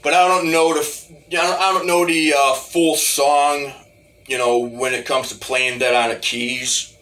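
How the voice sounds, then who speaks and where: Slightly high and fairly bright, this man's voice is unhurried with fairly even intonation. He's a hobbyist talk box musician giving a casual, rambling demo, repeatedly restarting his phrases.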